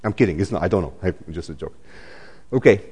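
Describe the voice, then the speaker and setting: A man's voice: low voice, animated, quick pace, a little mellow, slightly rough, long reverb tail. A man, preaching a sermon in a chatty way, full of fillers and restarts. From Romania. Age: 40s. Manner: conversational, many fillers and restarts. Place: church.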